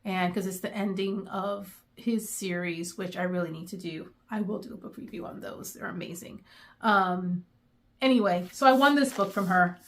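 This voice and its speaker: A middle-aged woman, chatting in a rambling way with many pauses, going emotional at times. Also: mid-range voice. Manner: emotional, near tears. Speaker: book vlogger. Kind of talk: casual chat.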